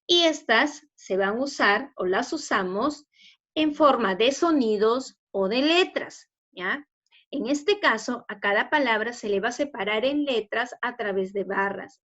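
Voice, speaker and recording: A woman with a Peruvian Spanish accent teaching a spelling lesson to students, explaining patiently and checking understanding with quick questions. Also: on the high side. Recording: dull lo-fi recording.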